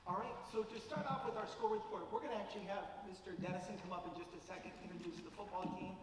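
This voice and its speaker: A man presenting informally as a school official at a public meeting, halting a little as he reads out details. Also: sits high, fairly even intonation. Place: large auditorium, from the stage. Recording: very echoey auditorium, distant mic, faint noise.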